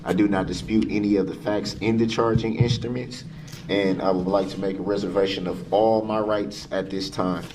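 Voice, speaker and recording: A man's voice: fairly low pitch, steady tone, normal speed, darkish tone. A man defending himself in court, speaking in an insistent, formal way, heard in a courtroom recording played back. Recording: distant, noisy courtroom recording.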